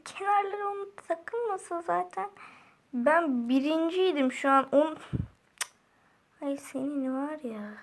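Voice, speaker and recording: Woman, young, high voice, casual gameplay commentary, easily frustrated, talks to herself. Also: unhurried, pauses often. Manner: frustrated, muttering to herself to calm down. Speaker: gameplay video creator.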